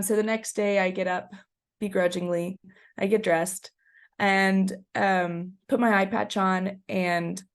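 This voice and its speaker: A woman in her thirties gives a webinar as a conversational presentation, telling stories in a chatty manner with frequent ums. Her mid-range voice is creaky and a little scratchy from a cold.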